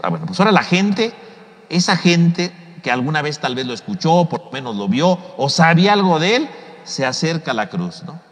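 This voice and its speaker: A man's voice: fairly high pitch, in a large hall. A man teaching scripture in a parish course, chatty, ending nearly every sentence with a tag question. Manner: ends almost every sentence with a tag question and acts out the mockers' words. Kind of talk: conversational Bible teaching. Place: church or parish hall.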